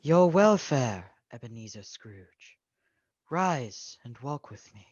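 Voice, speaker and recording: A woman plays an ageless, solemn ghost in a radio drama, on dull lo-fi audio. The delivery is slow and stately, in a dry sound. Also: extremely low pitch, animated, a little mellow, husky, dry recording, heavily acted. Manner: measured, stately. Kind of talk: 1930s radio play acting. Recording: dull lo-fi video call audio.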